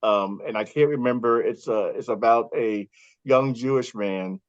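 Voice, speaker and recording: A man's voice: mid-range voice, measured pace, no room sound. A man guesting on a podcast, telling stories in a chatty way, laughing often and acting out quotes. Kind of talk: casual storytelling chat. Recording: slightly muffled dry recording.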